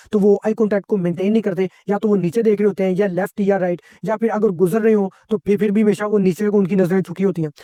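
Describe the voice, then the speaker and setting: A man's voice: high-pitched, dark tone, dry recording, studio quality. A man gives a motivational self-help talk as a content creator, explaining step by step and mixing in English phrases. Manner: instructive, mixes English phrases into Urdu.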